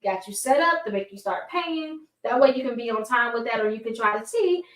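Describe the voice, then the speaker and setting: A woman's voice: a little high, expressive, brisk, fairly bright tone. A woman teaching a personal finance course casually and directly to viewers, chatty with small stumbles, her speech slightly hampered by braces. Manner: chatty, informal direct address with stumbles and self-corrections. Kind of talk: casual instructional talk to viewers. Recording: roomy, echoey, far from mic.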